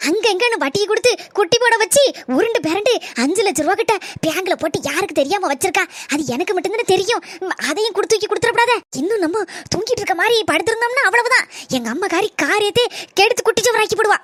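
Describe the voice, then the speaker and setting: A woman with a Kanyakumari Tamil accent voicing a scheming, suspicious young wife in a cartoon, in a shrill, scolding manner. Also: expressive, fast, hardly any pauses, a bit bright, dry recording. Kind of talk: cartoon voice acting.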